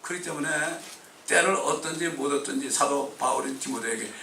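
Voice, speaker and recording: Fervent preacher with a bright, ringing voice. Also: male voice, fairly high pitch, normal speed, slight background noise. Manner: fervent preaching with sudden shouts. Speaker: pastor. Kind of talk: sermon. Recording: echoey church hall, distant mic.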